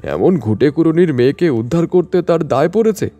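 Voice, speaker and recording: A man voicing an irritated, blunt village man in a story reading, gruff and scornful. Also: on the high side, lively intonation, fairly quick, warm tone, soft background music, voice pushed up. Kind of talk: storybook narration.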